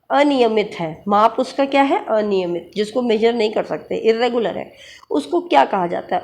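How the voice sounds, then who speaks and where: Slow-speaking woman teaching a lesson. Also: fairly high pitch, darkish tone. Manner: reads English questions slowly, then explains in quick Hindi; spells out terms letter by letter. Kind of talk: exam-prep lecture mixing Hindi and English.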